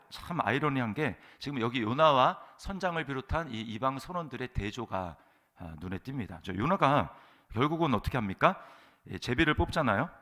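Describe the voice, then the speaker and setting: A man's voice: mid-range voice, fairly bright tone. A man preaching a sermon as a pastor, emphatic, asking the congregation rhetorical questions and often saying "yes" between points. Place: church.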